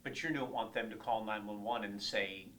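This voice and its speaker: A man's voice: on the low side, fairly even intonation, normal speed, fairly bright tone. A man asking casual, direct interview questions, sounding off-mic.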